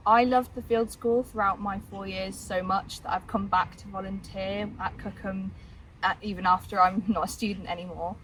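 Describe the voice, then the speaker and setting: A woman's voice: medium pitch, steady tone, moderate pace, background noise. A young woman, a new graduate volunteering at a dig, enthusiastic and repeating words for emphasis. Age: young adult. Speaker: volunteer archaeologist. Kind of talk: explaining the dig to camera. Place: outdoor excavation site.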